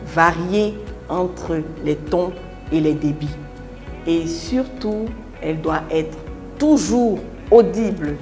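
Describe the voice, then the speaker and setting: Woman, public speaking instructor, slow measured delivery, low-ish voice, faint music behind. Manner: deliberate, with emphatic pauses and wide swings in loudness. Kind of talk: scripted instructional narration.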